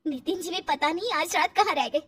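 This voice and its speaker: A woman's voice: expressive, normal speed, pushed and bright, heavily acted. A woman voicing an anxious, defiant young mother and daughter-in-law who pleads in a raised, upset voice in a storybook tale. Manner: high-pitched, pleading, upset.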